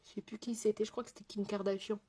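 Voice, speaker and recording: Woman makeup artist on a live stream, chatting with viewers, lots of euh and trailing off, middle pitch. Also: little pitch movement, fast talker, mellow, husky. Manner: chatty and loose, answers viewer comments as she works; frequent fillers and trailing off mid-sentence.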